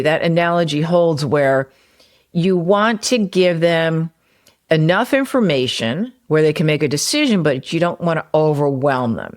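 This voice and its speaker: A woman hosting a solo podcast, explaining marketing ideas in a conversational way with everyday examples. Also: deep voice. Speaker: podcast host and copywriter; former personal trainer.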